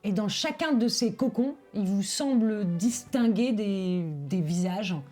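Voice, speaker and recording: A woman with a medium-pitched voice runs a tabletop game as game master, with soft music behind her. She builds scenes descriptively and hesitantly, searching for each word as she improvises. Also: measured pace.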